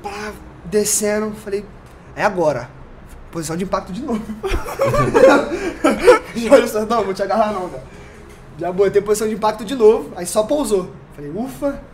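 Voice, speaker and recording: A man with a Brazilian accent telling a story on a casual podcast, animated, full of slang and sound effects. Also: high-pitched, moderate pace, noisy background. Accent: Brazilian Portuguese.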